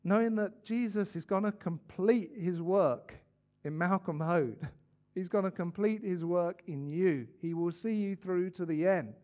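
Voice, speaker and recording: A man's voice: high-pitched, unhurried, a little mellow, muffled recording. A man preaching a sermon in an earnest, conversational way, with small asides to the congregation.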